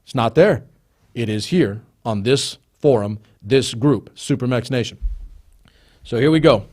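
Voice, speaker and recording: A man's voice: medium pitch, animated, a little slow, a little mellow. A man hosting a live stream, talking casually and reading a list of names with asides. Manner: chatty, digressive, reads names off a list. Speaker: host.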